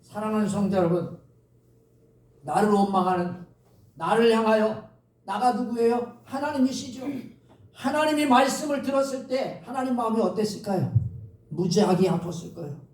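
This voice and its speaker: Recorded from a distance in an echoey church sanctuary, a male pastor preaches a sermon to the congregation and draws responses from them. His voice sits high, with a darkish tone and a moderate pace.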